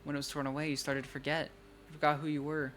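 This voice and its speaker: A man's voice: a little high, level tone, a bit bright, a little hiss or hum, natural voice. A man voicing a shy, awkward young woman poet who speaks hesitantly. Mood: tender. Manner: hesitant, halting.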